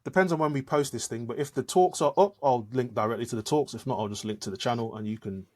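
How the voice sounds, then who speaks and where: A man's voice: medium pitch, quick pace, darkish tone. Man musing hesitantly on a podcast. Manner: thoughtful, hesitant with restarts. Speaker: podcast co-host. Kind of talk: casual chat.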